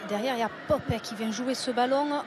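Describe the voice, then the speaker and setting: A woman's voice: on the high side, fairly quick. A woman co-commentating live football with admiring technical analysis, often adding a short tag at the end of phrases. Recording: clearly audible stadium noise.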